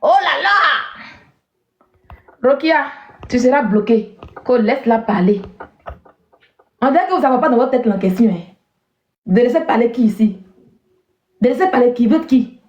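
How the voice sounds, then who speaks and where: A woman's voice: on the high side, expressive, moderate pace, pauses often, darkish tone. A woman hosting a live stream, mocking and scolding callers with scorn and lots of repetition. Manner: mocking, scornful, repeats herself. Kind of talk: insulting live-stream chat. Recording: roomy, dull lo-fi stream audio.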